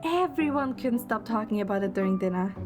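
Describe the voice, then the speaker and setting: A woman narrates an audio drama in the first person, also voicing its young producer heroine through scripted narration and dialogue. Her voice sits on the high side, expressive and brisk, with music playing behind her.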